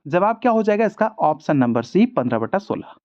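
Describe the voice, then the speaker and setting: A man's voice: high voice, big pitch swings, brisk, a little mellow. A man teaching music theory in a casual video lesson, chatty and repetitive, talking to viewers like friends. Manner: chatty, addresses viewers as brother, repeats ठीक है. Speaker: online music exam tutor. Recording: dull lo-fi audio.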